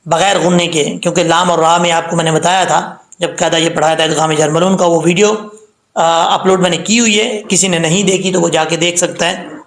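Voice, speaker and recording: A man teaching the rules of Quran recitation, explaining letter sounds and then chanting the verses slowly and drawn out. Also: on the high side, vocal fry, a bit bright, roomy sound. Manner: says "ok" and "theek hai" between points. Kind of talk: tajweed lesson with slow chanted recitation.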